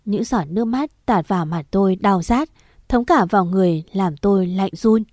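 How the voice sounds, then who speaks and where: A woman narrating a ghost story in the first person with a sad, measured delivery. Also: mid-range voice, darkish tone, dry recording, clean studio sound.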